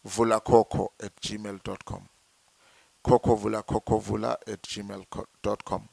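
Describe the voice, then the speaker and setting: Slow, deliberate man from Zimbabwe. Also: on the low side, little pitch movement, vocal fry, a little mellow. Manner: deliberate, repeats words while searching. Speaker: traditional healer. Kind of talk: slow explanatory talk.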